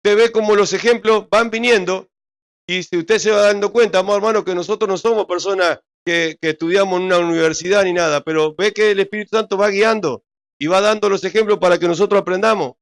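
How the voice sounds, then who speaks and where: A male pastor delivers a sermon. His voice sits fairly high, and he retells the scripture story in a conversational preaching style, speaking directly to the congregation. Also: fast.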